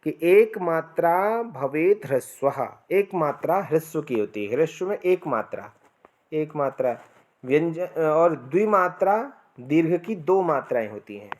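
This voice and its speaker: A man teaching Sanskrit grammar in a spoken classroom lecture. He keeps checking in with "है ना" and "ठीक है" and draws out the sutras and vowel lengths in a chant. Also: on the high side. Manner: slow explanatory delivery with frequent "है ना" and "ठीक है" check-ins.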